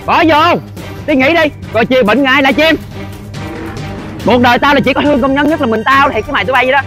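Brief: high-voiced man, fast comic scolding, music underneath. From Mekong Delta, Vietnam. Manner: loud scolding, repetitive exclamations. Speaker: comedy sketch lead, boss. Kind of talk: comic sketch acting.

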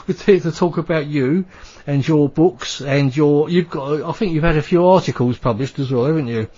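London radio host, husky, slightly high voice, loose rambling chat. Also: male voice, normal speed, a little mellow, lo-fi sound. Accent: London English. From England. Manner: chatty, rambling with many fillers. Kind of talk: casual radio interview.

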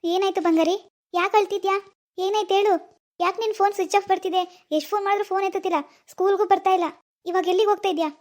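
Caring cartoon schoolboy, put on by a woman: high voice pushed lower, quick, concerned. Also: steady tone, a little mellow. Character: caring teenage schoolboy boyfriend. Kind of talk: cartoon voice acting.

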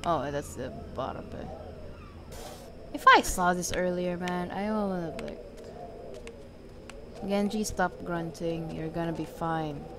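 A woman, a gaming video creator, gives casual let's-play commentary, sweary and exclamatory, half talking to herself as she plays amid video game ambience. Her voice is fairly low and slow, with long pauses and a noisy background.

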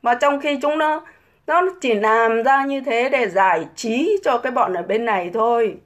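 A woman's voice: fairly high pitch, moderate pace. A middle-aged woman ranting scornfully on a casual livestream, full of mocking rhetorical questions. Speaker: livestream host.

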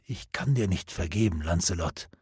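A man reading an audiobook, voicing a proud, stubborn male knight who talks defiantly even as he weakens. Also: medium pitch, unhurried, husky, no echo, studio quality. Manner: defiant, then weak and breaking.

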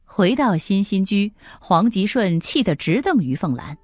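A woman narrating an audiobook drama with steady storytelling. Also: medium pitch, a little slow, no echo, soft background music.

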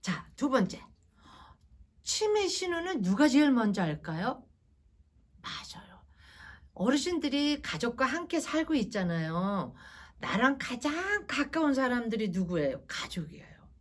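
A woman's voice: high voice, big pitch swings, unhurried. A woman instructor giving a patient lecture to seniors. She asks the audience questions and acts out what people say.

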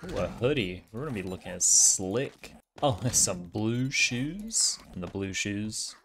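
Male gamer, low register, chatty self-mocking play-by-play, faint background noise. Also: sing-song, unhurried, a bit bright. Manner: chatty, self-mocking, talks to himself while looting. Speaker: gamer playing a survival game. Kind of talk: casual gameplay commentary.

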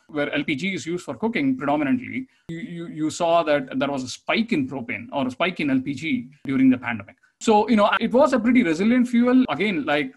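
A man's voice: on the high side, husky. A man giving a webinar slide presentation over a video call, explaining steadily with many fillers and restarts. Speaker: conference presenter.

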